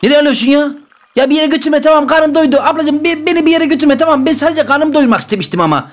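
A man's voice: very high voice, fast talker. A man voicing a whiny, demanding baby boy who pleads and grumbles while role-playing over game footage. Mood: pleading. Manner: whining, pleading, complaining in a babyish voice.

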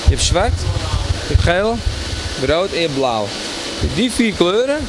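A man explaining how printing works to children, casual and a little hesitant. His voice is fairly high, and clear machine noise hums behind him in the shop. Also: big pitch swings, measured pace.

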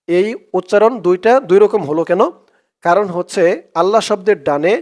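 Male Quran tutor with a Bangladeshi Bengali accent and a high voice, recites and then explains step by step. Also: darkish tone. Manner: recites verse words aloud, then explains the rules slowly and repeats them. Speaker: Quran reading teacher.

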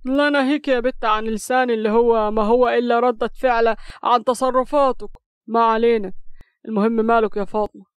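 A woman's voice: a little high, fairly even intonation, fairly quick, clean tone, no echo, close to an everyday voice. A woman voicing a teasing young husband, speaking with an Upper Egyptian accent in mock-cool banter. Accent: Upper Egyptian Arabic. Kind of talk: audio story reading.

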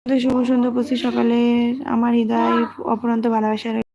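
A woman, hosting a casual livestream, reading comments and talking softly and quietly. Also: level tone, a little fast, crowd noise. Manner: soft, low-volume talk, as her daughter is studying. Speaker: livestream host.

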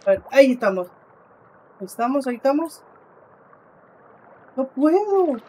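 In a husky, mellow voice with a sing-song lilt, a streamer keeps up a moderate-paced live commentary as he plays. He talks to the game character and to his audience alike, bouncing between outbursts and quiet mumbling.

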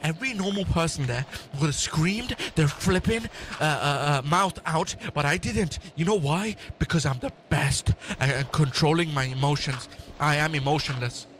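A man's voice: on the high side, normal speed, fairly bright tone. A young man playfully rambling and joking while gaming with a friend, yelping when startled. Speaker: co-player. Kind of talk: casual gaming banter. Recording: noisy gameplay recording.

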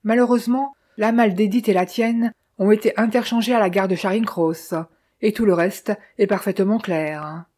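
A stern man laying out his case point by point in an audiobook, read by a woman. He keeps questioning and insisting. His tone is mellow and dark. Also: mid-range voice, moderate pace, close to an everyday voice. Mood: insistent. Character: stern man pressing his brother to confess.

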